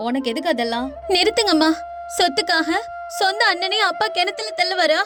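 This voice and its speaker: A woman voicing a spirited young woman who scolds her parents indignantly and firmly in an animated cartoon dub. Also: very high voice, a little fast, music in the background. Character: spirited young woman, righteous and defiant daughter.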